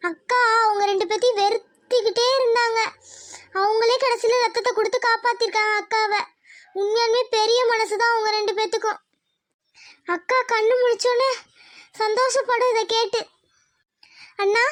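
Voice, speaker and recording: A piercing, very high cartoon voice for a worried, gentle aunt, done by a voice actor. She asks anxious questions and pleads softly with her sister. The sound is dry and close. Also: steady tone, normal speed, pauses often, no echo. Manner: pleading, soothing. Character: caring middle-aged aunt, worried and gentle. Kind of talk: Tamil cartoon voice acting.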